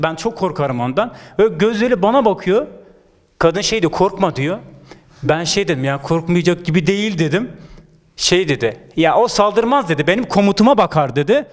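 Brief: young male guest with a slightly high voice, spins a comic anecdote and voices every quoted line. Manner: animated, acts out quoted dialogue. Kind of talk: casual comic storytelling.

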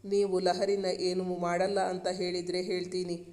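A man reading the part of a meek young wife in a storybook, speaking faintly and haltingly. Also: sits high, completely flat delivery, darkish tone. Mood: meek, tearful. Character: timid gentle young wife, tearful and meek.

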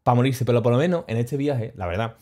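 Guy streaming, telling a trip story all slangy and animated, chuckles a lot, regular mid voice. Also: mid-range voice, quick pace. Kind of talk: casual storytelling.

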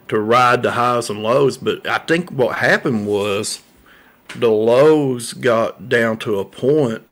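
A man with a fairly low, fairly bright voice hosts a local sports talk show, delivering a casual monologue full of fillers and repeated words. He speaks into a large studio mic on a boom arm in a small indoor room set up as a coffee shop.

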